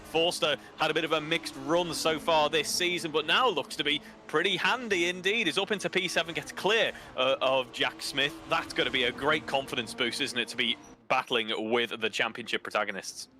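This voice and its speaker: Bright-voiced male motorsport commentator. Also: fairly high pitch, normal speed. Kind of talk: live race commentary.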